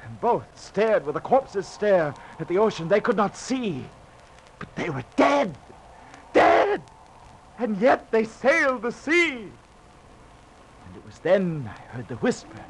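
In a noisy old 1940s radio recording, a man performs a haunted, guilt-ridden sailor recounting his doomed voyage, his high voice swooping wildly in pitch at a slow, exaggerated pace. It's fervent, theatrical radio drama with anguished declamation and verse-like narration, the mood haunted and awed.

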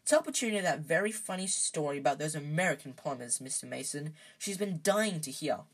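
A woman's voice: sits low, animated, fairly quick, slightly rough, low-quality recording. A woman voicing a bullying middle-aged uncle in a storybook, blustering and pompous, both menacing and falsely polite. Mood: forced politeness. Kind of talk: storybook character voice.

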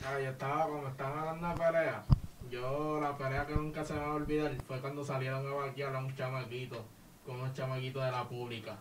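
A man in his twenties with a Puerto Rican accent, recounting lively anecdotes in a casual chat with friends. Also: medium pitch, quick pace. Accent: Puerto Rican Spanish. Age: 20s. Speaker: podcast co-host.

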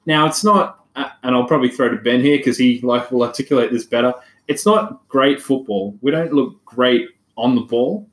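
A man's voice: medium pitch, moderate pace, hardly any pauses. A man co-hosting a podcast, talking through football tactics in long, thoughtful explanations. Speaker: podcast co-host. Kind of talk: casual chat, football analysis. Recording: echoey room.

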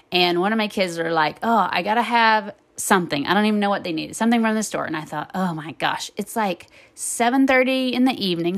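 A woman hosts her own podcast and tells a personal story in a candid, conversational way. Her voice sits at an ordinary middle pitch. She is self-deprecating and laughs often as she talks. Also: fairly bright tone. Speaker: podcast host and therapist.

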